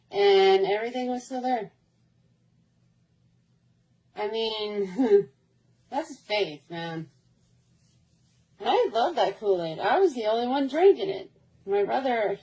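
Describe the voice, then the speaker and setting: Brief: woman, mellow and warm, chatty storyteller who loops back on herself. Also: mid-range voice, poor audio. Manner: rambling, repetitive, with many restarts. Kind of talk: casual storytelling.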